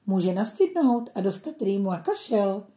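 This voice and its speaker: A woman's voice: medium pitch, very animated, dark tone, close to an everyday voice. A woman voicing a curious little boy in a storybook reading, eager and full of questions.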